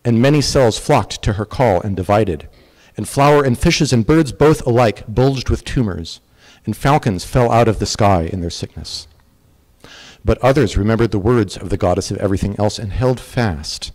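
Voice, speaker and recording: A man's voice: lowish voice, moderate pace, a little mellow, rough recording. Man reciting a rhythmic poem. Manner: rhythmic, lilting meter. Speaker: poetry reciter. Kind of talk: poetry recitation.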